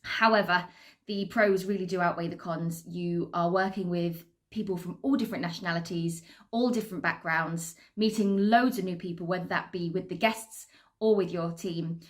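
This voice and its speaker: A woman's voice: lowish voice, fairly even intonation, moderate pace. A British woman talking informally to camera as a cruise entertainer, in an upbeat, chatty and articulate manner. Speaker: assistant cruise director and entertainer. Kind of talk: informal career talk to camera.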